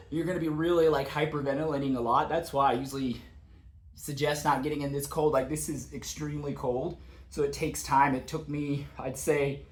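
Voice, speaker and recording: A man's voice: on the high side, roomy sound. A man casually explaining his home cold plunge routine, rambling with lots of "like" and "uh" fillers. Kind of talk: casual how-to talk. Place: outdoors or patio beside a cold plunge tub.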